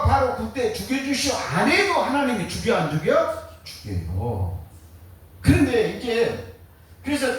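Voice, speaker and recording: Male pastor preaching, lively up and down voice, keeps asking did he or didnt he, booming echo. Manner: lively rhetorical questions, colloquial, joking. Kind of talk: sermon. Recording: very echoey, distant mic.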